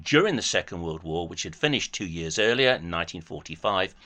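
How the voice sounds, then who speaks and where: A low-pitched man speaks quickly and with animation, his tone sharp. He hosts a heated debate with a caller, pressing him argumentatively and quoting references at him.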